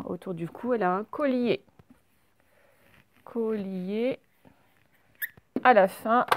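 Woman, middle-aged, primary teacher, slow patient explaining, lots of "euh", dry recording. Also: fairly high pitch, dark tone, no room sound. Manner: slow, clear, patient explaining with many fillers. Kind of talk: recorded spelling lesson for young pupils.

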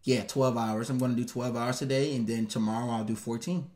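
A man putting on a polite, proper-speaking male retail worker with a quiet, dutiful, customer-service tone. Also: medium pitch, steady tone, a little fast, natural voice.

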